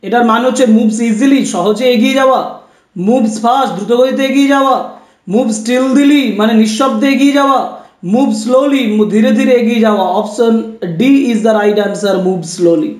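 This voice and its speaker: High-voiced man teaching an exam-prep lesson. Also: a little mellow, reverberant. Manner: reads English questions slowly, explains quickly in Bengali. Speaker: English teacher.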